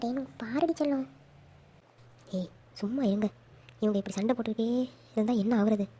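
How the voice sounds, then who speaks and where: A woman telling an audio story, acting out lively dialogue among several characters. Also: fairly high pitch, normal speed, husky. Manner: animated, switching between characters. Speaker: storyteller voicing all roles.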